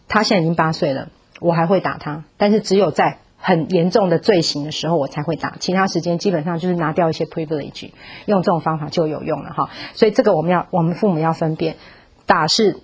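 Husky-voiced woman teaching a parenting class. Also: lowish voice. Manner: earnest, firm, demonstrative.

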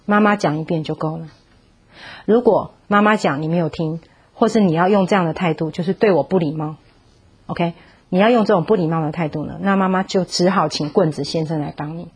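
A woman's voice: on the low side, a little mellow, breathy edge. A woman teaching a parenting class, talking in an earnest, firm way and acting out how to speak to children.

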